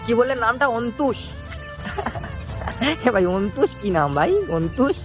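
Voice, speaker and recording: High-voiced man coaxing a child. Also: very animated, unhurried. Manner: coaxing, soothing, emotional asides to a friend. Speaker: vlogger. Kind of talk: street vlog talking to a child. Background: music.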